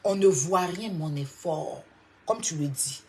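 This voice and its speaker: A woman from Côte d'Ivoire with an Ivorian French accent, delivering a confrontational, mocking monologue that swings from loud outbursts to low scolding. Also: measured pace. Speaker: online commentator. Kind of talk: heated clash monologue.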